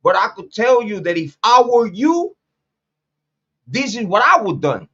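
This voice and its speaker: A blunt, profane man in his late forties from Puerto Rico hosts a street commentary monologue. His voice sits high for a man, and he hammers points home by repeating them. The sound is dull and lo-fi. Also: sing-song, unhurried, fairly bright tone. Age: 40s. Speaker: commentary channel host.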